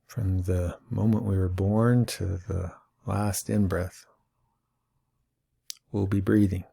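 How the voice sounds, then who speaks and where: Man, mindfulness teacher, very slow, gravelly, calm, long pauses. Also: low voice. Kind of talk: guided awareness talk.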